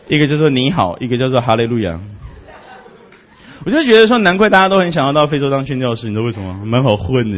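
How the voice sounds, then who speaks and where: A man from Taiwan, a missionary giving a humorous storytelling talk in an animated, joking way. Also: muffled recording. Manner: animated, jokey, big swings in pitch and loudness.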